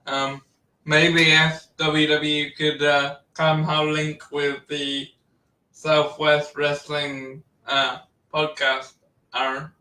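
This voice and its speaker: A man hosting a casual wrestling chat, relaxed and chatty, laughing often. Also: on the high side, takes it slowly. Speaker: podcast host. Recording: roomy echo, distant mic.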